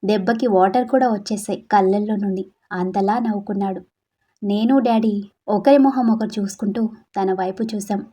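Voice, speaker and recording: Woman telling a story, mellow voice. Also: medium pitch, normal speed, breathy edge. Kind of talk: narrating a story.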